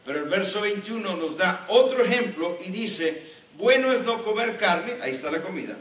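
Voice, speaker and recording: A man, a pastor, preaching a sermon in an animated way and joking with the congregation. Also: sits high, normal speed. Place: church. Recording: echoey church hall from a distance.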